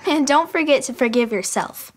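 A teenage girl delivers scripted kids' show lines in a gentle, encouraging tone. Her voice is high, with faint music underneath. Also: moderate pace. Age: teens. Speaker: child actor presenter. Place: studio set indoors.

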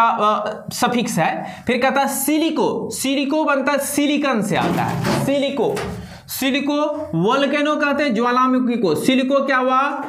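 Male schoolteacher at a blackboard, unhurried and repetitive, recorded in a roomy, echoing space. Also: very high voice. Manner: slow, spells and counts letters aloud, repeats words. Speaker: teacher. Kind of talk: blackboard lesson for students.

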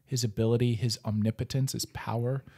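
A priest co-hosting a podcast, talking through church teaching in a relaxed, joking way with frequent "right?" check-ins. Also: male voice, mid-range voice, brisk. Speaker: priest co-host. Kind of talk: casual catechism discussion.

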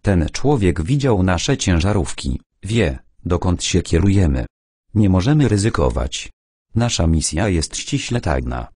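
A man's voice: low-pitched, very animated, measured pace, darkish tone, breathy edge, dry recording, studio quality, full character voice. A man voicing a stern, commanding army colonel in an audiobook, giving curt orders.

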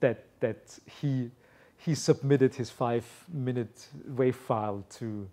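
A man's voice: mid-range voice, slow pace, dark tone. A middle-aged man, a film director, answering audience questions at a festival, rambling with many fillers and restarts. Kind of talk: casual Q&A answers. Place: festival hall before an audience.

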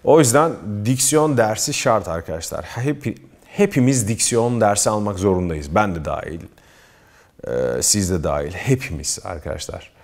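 A man's voice: lowish voice, expressive, normal speed. A man giving self-improvement advice to his viewers, earnest and emphatic, often addressing them as friends. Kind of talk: advice talk to camera.

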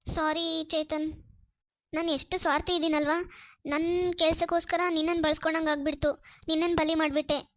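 A woman voicing a kind, trusting young female college student in a cartoon, soft and earnest. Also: sits high, dry recording, clean studio sound, natural voice. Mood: apologetic. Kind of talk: Kannada cartoon voice acting.

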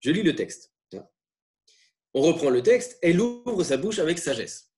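A man lecturing on religious texts, explaining in a halting way with frequent tag questions. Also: a little high, very animated.

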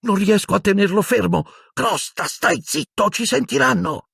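Man playing an excitable teenage boy, raised pitch, agitated exclaiming, audiobook, husky, dry. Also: measured pace, dry recording, heavily acted. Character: excitable teenage boy, worried for his pet rat.

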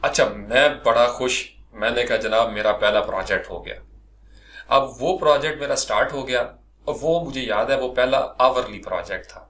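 A middle-aged man from Pakistan recounts how he began freelancing, in a lively storytelling voice of ordinary pitch. He talks straight to his viewers and warmly calls them "sir" as he goes. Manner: animated storyteller, addresses listeners as "jinab". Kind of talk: personal storytelling monologue.

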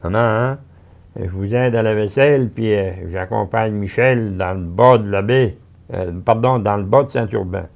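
A man's voice: on the low side, normal speed, creaky, highs cut off. A man voicing a polite, slightly hesitant young farm daughter with a Québécois accent. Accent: Québécois French.

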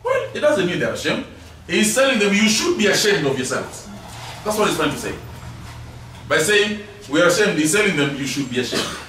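A Bible teacher leads a classroom lesson, emphatically repeating key words and posing rhetorical questions. His voice is high with wide pitch swings, slightly fast and somewhat bright. The recording comes from a very echoey hall with a distant mic and faint noise.

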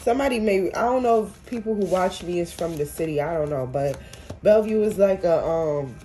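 A woman's voice: fairly low pitch, a little fast, mellow. A young woman giving a casual tarot reading, blunt and profane, full of street slang. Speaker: tarot reader.

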